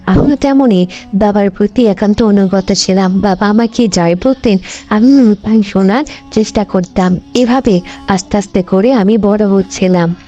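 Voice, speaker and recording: A woman telling a first-person life story, hesitant, with many fillers and restarts. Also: mid-range voice. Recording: dull lo-fi voice over background music. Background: soft background music.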